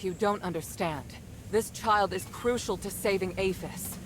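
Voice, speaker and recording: Game noblewoman, female actor: formal, urgent, righteous, medium pitch, loud rumbling background. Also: a little slow, noisy background, natural voice. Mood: indignant. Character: noble young mistress, defiant, earnest, righteous. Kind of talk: dramatic video game acting.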